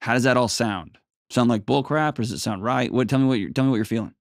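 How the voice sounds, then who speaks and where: A man's voice: medium pitch, quick pace, dry recording, clean studio sound. A man counseling a caller as host of an advice show, in a conversational, plain-spoken and emphatic way with folksy turns of phrase. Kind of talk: conversational coaching.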